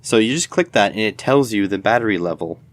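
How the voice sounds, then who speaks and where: Quick and animated, a man with a fairly low voice walks through an unscripted product demo as a video host reviewing electronics. His delivery is casual, rambling, and matter-of-fact.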